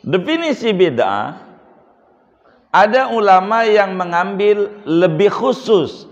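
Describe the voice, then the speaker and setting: A male Islamic preacher, giving a religious lecture and teasing the audience with questions. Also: on the high side. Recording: dull lo-fi sound in a reverberant hall.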